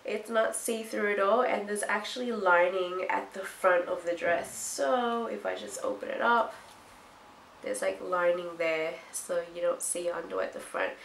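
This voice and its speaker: In a small hard-walled room, with roomy echo and faint background noise, a young woman fashion vlogger chats casually to camera despite a cold, a blocked nose and an itchy throat. Her voice is medium in pitch, creaky, fairly bright, nasal and congested, with fairly even intonation and a moderate pace.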